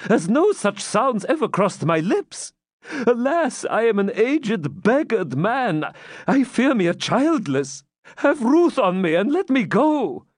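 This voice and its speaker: A man's voice: high voice, lively intonation, unhurried, no echo, clean studio sound, voice pushed up. A man voicing an aged, terrified old man who pleads for mercy in quavering archaic speech. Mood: pleading. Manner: trembling, pleading.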